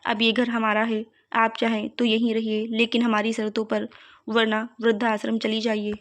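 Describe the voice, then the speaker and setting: Brief: cold mocking daughter-in-law, read by a woman narrator, flat storybook delivery, higher voice. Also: normal speed, lightly acted. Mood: taunting. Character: harsh scheming young daughter-in-law woman.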